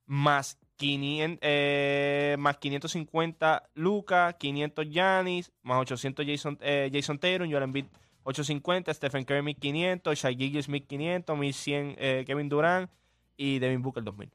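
A man's voice: a little high, moderate pace, clear, resonant tone, no room sound. A man co-hosting a sports radio show, reading off betting odds. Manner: reads off betting odds in a steady run.

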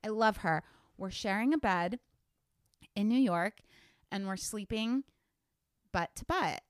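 A woman's voice: medium pitch, takes it slowly, no echo, studio quality. A woman stand-up comic with a lisp, a guest telling self-deprecating stories in casual podcast chat.

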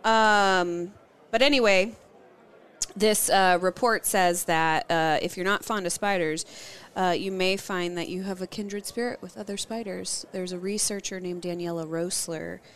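A woman co-hosting a podcast in a bar, chatty and quick to laugh, swearing casually. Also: on the low side, steady tone, fairly bright tone. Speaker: podcast co-host.

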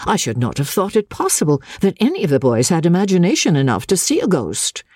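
A reader doing a brisk genteel lady. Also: medium pitch, wildly swooping pitch, a little mellow, breathy edge, no room sound, pitched above the performer's own voice. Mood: brisk polite. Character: brisk, good-humoured gentlewoman. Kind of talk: audiobook character voice.

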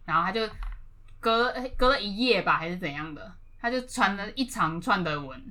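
Bright-voiced woman explaining calmly. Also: mid-range voice, moderate pace. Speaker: freelance illustrator guest. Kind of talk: casual podcast chat.

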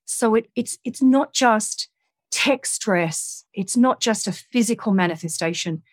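A woman with a gentle, coaxing yoga-teacher manner, giving guided relaxation and movement instruction. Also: medium pitch, expressive, a little slow, dry recording.

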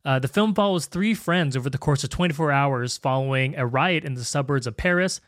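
An interview host on a podcast enthusiastically reads out film facts and then asks questions. His mid-range voice is a little fast and a bit bright. The recording is dry and of studio quality.

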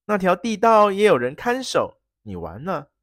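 A storyteller voicing a cunning, fierce gentleman thief who threatens and shouts. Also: mid-range voice, wildly swooping pitch, normal speed, no room sound, clean studio sound, pitched above the performer's own voice. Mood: threatening. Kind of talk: storybook reading.

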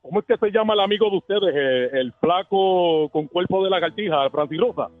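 A man's voice: high-pitched, brisk, no echo, faint music behind, natural voice. A man playing a boastful rich caller who phones a radio show, swaggering and casually insulting. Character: boastful rich man phoning in, bossing his staff. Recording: phone line.

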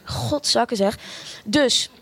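A woman's voice: on the high side, slow pace, a bit bright, slightly rough. Frank young woman telling her story. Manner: frank, sardonic, swears freely; self-mocking humor. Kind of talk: personal storytelling monologue.

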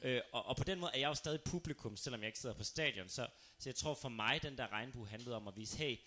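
A man's voice: mid-range voice, bright, forceful tone. A man hosting a casual talk show, playful and full of probing questions. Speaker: host.

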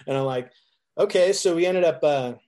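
A middle-aged musician, appearing as a guest in a casual interview, tells rambling stories full of restarts, laughing often and acting out quoted lines. His voice is a little high and dark in tone, at normal speed.

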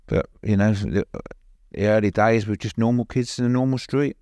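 A man's voice: on the low side, steady tone, moderate pace, a little mellow, no room sound. An older man with an East London accent, recollecting plainly as an interview guest, often adding "you know". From East End of London, later Suffolk. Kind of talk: conversational personal recollection.

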